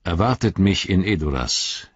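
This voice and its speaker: A man voicing an ancient, wise wizard who speaks in a grave, measured, riddling way in an audiobook reading. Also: sits low, expressive, breathy edge, no room sound, muffled recording. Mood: solemn.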